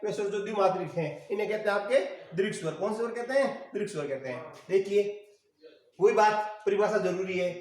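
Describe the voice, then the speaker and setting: Male teacher, repetitive drilling lecture style; roomy, distant recording. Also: high voice. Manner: repetitive, rhetorical questions answered himself. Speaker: Hindi teacher. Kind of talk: classroom lecture. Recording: echoey room, mic far off.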